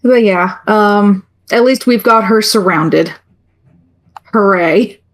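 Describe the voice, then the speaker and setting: Unhurried woman player thinking aloud. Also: mid-range voice. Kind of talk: casual tabletop play.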